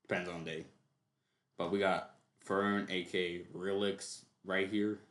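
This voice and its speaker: A man with a fairly low voice hosts a livestream reaction show, cursing freely and joking along in a loose, laid-back way. His voice bounces around a reverberant room. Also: flat delivery, measured pace, fairly bright tone. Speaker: streamer hosting a reaction show. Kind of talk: casual livestream reaction chat. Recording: echoey room.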